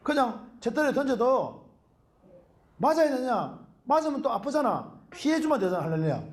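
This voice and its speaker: Hallelujahs ring out often as this middle-aged Korean pastor delivers a lively sermon. His male voice is very high and his pace moderate.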